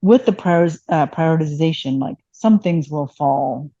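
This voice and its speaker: A woman's voice: sits low, measured pace, dark tone, no echo, dull audio. A woman in her late thirties from Vietnam, an emergency physician being interviewed, talking reflectively with many fillers. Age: late 30s. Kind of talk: conversational interview.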